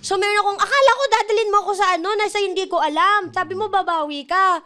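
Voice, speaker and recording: A woman's voice: very high voice, fast talker, bright, forceful tone. A woman in casual chat, animatedly telling the story of her proposal and laughing often.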